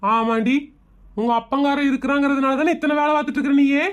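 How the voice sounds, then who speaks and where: A woman voicing an exasperated middle-aged husband who scolds his wife in an animated comedy cartoon. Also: sits high, fast, lo-fi sound, close to an everyday voice. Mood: scolding.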